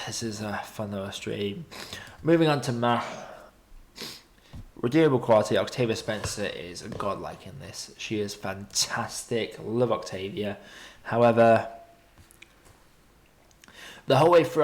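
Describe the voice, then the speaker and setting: A man's voice: lowish voice, a little slow, long pauses. A British man giving casual film review commentary as a streaming host, blunt and opinionated in colloquial language.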